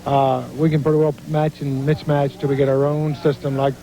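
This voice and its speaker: A man explaining rules in an interview as a tractor owner, with measured, formal wording. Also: on the high side, little pitch movement, a crowd in the background, rough recording.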